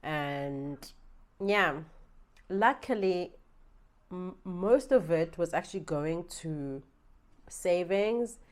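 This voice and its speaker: A young South African woman with a South African accent, vlogging a storytime, animated and swearing freely, swinging between quiet asides and loud outbursts. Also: fairly low pitch, extremely slow, pauses often. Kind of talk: storytime vlog. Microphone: small handheld gimbal camera.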